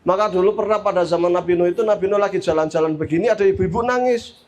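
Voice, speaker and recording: A Javanese-accented preacher tells stories in a sermon with lively, chatty asides. His voice is very high for a man. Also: fast. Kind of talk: storytelling sermon.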